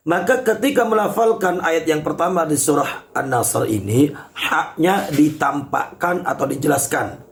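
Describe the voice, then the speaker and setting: A man's voice: on the high side, expressive, a little slow. A man teaching Quran recitation rules in an online lesson, patiently explaining each point step by step. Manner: addresses listeners as congregation.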